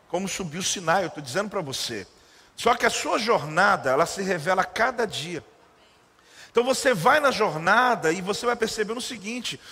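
A man preaching a sermon as pastor, telling a story with animated delivery and acting out the voices of its characters. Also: high voice, breathy edge, big-room sound.

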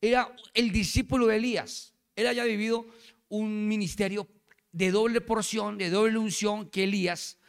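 Lively preacher with a higher voice. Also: male voice, moderate pace, clean tone. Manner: lively, playful, questions the congregation. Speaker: pastor. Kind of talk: sermon.

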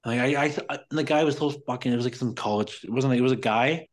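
A man talking at a medium pitch in loose, casual conversation. He tells his story in fits and starts, piles up "like"s and swear words, and sounds openly exasperated with the careless people in it. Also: fast. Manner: rambling, profane, exasperated. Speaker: podcast guest.

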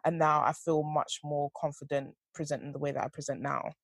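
A woman's voice: low-pitched, level tone, brisk, vocal fry, husky, no room sound, studio quality. A young woman chatting casually as a podcast co-host, slangy and emphatic, often checking that she is understood. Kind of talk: casual conversational podcast chat.

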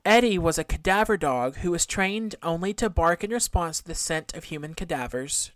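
A woman's voice: fairly low pitch, expressive, normal speed, no room sound. A woman hosting a podcast, telling a true-crime story from notes in a conversational way, with casual asides and some trouble pronouncing her Rs. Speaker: podcast host.

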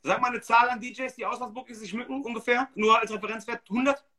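Blunt, slangy man, high bright voice. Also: quick pace. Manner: blunt, emphatic, slangy, animated. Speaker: DJ and podcast host. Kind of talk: casual livestream podcast chat.

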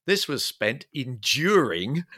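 A man co-hosting a travel podcast, laughing easily and pausing with many ums and uhs. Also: medium pitch, sing-song, sharp tone. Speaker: podcast co-host. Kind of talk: casual podcast chat.

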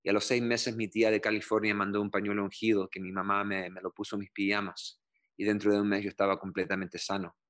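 A middle-aged man from Chile speaking as a pastor in an interview, with a low-pitched voice. He tells his story earnestly, pausing often and restarting his sentences with fillers. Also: little pitch movement, fairly bright tone. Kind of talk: interview testimony.

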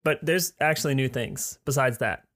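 A man's voice: medium pitch, normal speed, fairly bright tone. A man co-hosting a casual podcast, talking with enthusiastic, playful hype. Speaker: podcast co-host.

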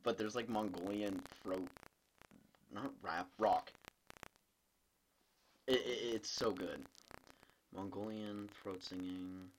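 A man's voice: fairly low pitch, fairly even intonation, takes it slowly, pauses often, a little hiss or hum. A young man co-hosting a casual podcast, joking and laughing often. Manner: giggly, jokey, laughs often. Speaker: podcast co-host. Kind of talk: casual chat.

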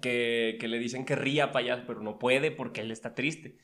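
A man with a Mexican Spanish accent in casual chat, joking and cutting in quickly. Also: mid-range voice, fairly even intonation, a bit bright.

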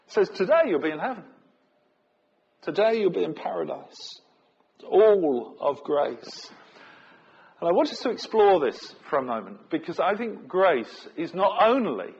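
A man's voice: on the high side, slightly rough. A man preaching a sermon in an earnest, conversational way, asking rhetorical questions. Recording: dull lo-fi recording.

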